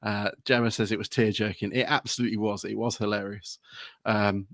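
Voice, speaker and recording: A man's voice: fairly low pitch, little pitch movement, brisk, dry recording, clean studio sound. A man from England hosting a football podcast, chatting casually, laughing often and swearing now and then. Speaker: podcast host. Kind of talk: casual podcast chat with a read presentation segment.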